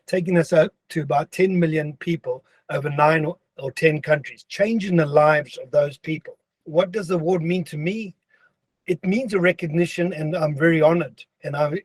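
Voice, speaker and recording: Earnest man, husky voice. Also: a little high, dry recording. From Zambia. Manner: earnest, repeats phrases for emphasis. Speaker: company founder. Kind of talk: interview statement.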